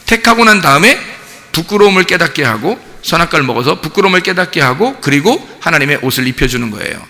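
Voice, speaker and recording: Gravelly preaching man in a church hall. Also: fairly high pitch. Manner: animated preaching with rhetorical questions to the congregation. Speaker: pastor. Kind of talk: sermon. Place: church sanctuary.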